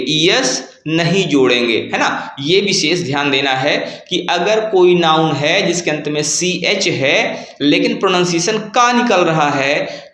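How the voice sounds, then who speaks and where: A man's voice: high-pitched, fairly bright tone, reverberant. A man teaching a grammar lesson, explaining step by step and asking his students questions.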